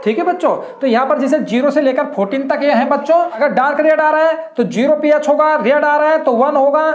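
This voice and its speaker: A woman's voice: sits high, a little fast, a little mellow, a little hiss or hum. A woman teacher explaining a lesson in a repetitive way, often calling her students children. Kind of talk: classroom-style lesson explanation. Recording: echoey room.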